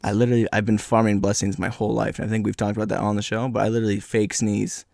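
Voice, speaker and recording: A man's voice: lowish voice, little pitch movement, racing, gravelly, a little mellow, no room sound, studio quality. A man co-hosting a comedy podcast, riffing in a goofy, rambling way and breaking into laughs, overheated in a hot room. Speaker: podcast co-host. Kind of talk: casual rambling chat.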